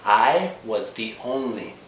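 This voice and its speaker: Speaking slowly and expressively in a lowish, fairly bright voice, an Indiana-born language teacher hosts his channel's lesson for learners. He repeats simple phrases, frequently asks "okay?" and occasionally mixes Spanish with English. The recording is echoey, with clear background noise.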